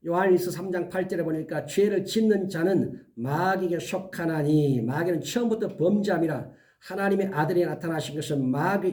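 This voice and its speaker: High-voiced man preaching an earnest sermon. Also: dark tone, far from the mic. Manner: earnest, emphatic warnings, lists items slowly one by one. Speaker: pastor.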